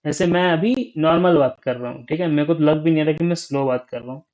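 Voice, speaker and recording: A young man giving a casual talk on speaking, unhurried, thinking aloud and often checking in with the listener. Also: on the high side, darkish tone, dull audio. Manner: frequent "ठीक है?" check-ins.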